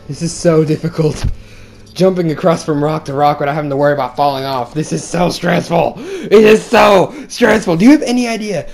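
A young man giving excitable, casual commentary as he plays a game, talking to himself and his viewers. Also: a little high. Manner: excitable, talks to himself and viewers, shouts when he falls. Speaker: gaming video host.

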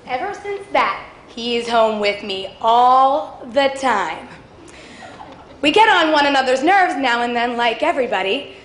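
Woman playing a ballplayer's wife on stage, wistful and confiding, high voice, echoey hall. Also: lively intonation, measured pace, fairly bright tone, a little hiss or hum. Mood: reflective. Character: long-suffering baseball player's wife. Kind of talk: stage monologue. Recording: echoey auditorium, faint ambience.

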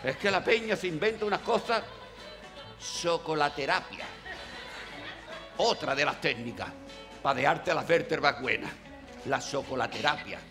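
A man telling a comic story in a stand-up monologue, acting out the dialogue quickly. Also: on the high side, music in the background, a crowd in the background. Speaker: stand-up comedian.

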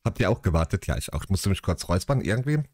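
Deep-voiced man reading a bedtime story. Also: sing-song, very fast, darkish tone, no echo, studio quality. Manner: chatty, sarcastic digressions.

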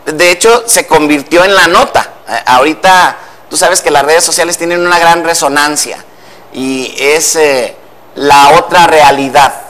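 A man's voice: a little high, measured pace, fairly bright tone. Man explaining spelling rules on TV. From Mexico. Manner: didactic, patient, explains step by step. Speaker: language commentator on a TV news show. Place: TV news studio.

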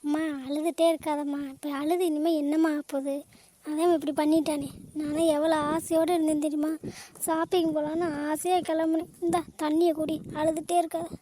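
A woman voicing a high-pitched pleading cartoon daughter. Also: flat delivery, a little fast, dark tone, lightly acted. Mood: coaxing. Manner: pleading, coaxing. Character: chatty teenage daughter, eager to shop. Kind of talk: cartoon family drama voice acting.

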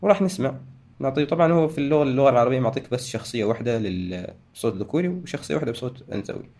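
A man hosting a software tutorial, talking through each step and correcting himself as he goes. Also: mid-range voice, expressive, rapid-fire. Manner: talks through steps, frequent restarts and self-corrections. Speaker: tutorial host. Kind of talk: screen-recorded software tutorial.

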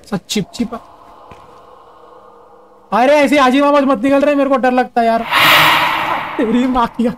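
High-voiced young man, jumpy gamer. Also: steady tone, measured pace, long pauses, heavy background noise. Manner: jumpy, jokey, often shouting in fright. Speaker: gaming streamer. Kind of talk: horror game commentary.

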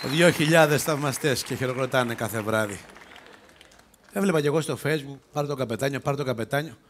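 A man's voice: medium pitch, a faint crowd, slight background noise, lightly acted. An actor playing a bossy police self-defence instructor in a live stage comedy sketch, mocking and scolding his fellow players. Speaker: comic actor and sketch lead. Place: open-air theatre stage.

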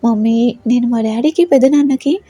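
A woman's voice: a little high, normal speed, dark tone, no room sound, close to an everyday voice. Woman doing a pouty, whiny young bride. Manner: pouty, whiny, childish complaints.

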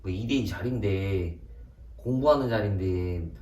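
A man's voice: low voice, moderate pace, warm tone, heavy reverb, distant mic, poor audio. A young man in a comedy skit, talking in a flustered, pleading way with lots of stammering.

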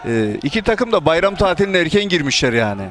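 A man working as a football co-commentator, adding brief, measured, conversational remarks on the match. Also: fairly high pitch, sing-song.

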